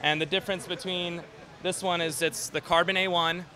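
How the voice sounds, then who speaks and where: A man giving an informal product pitch in an interview as a company representative, outdoors. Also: level tone, normal speed, sharp tone.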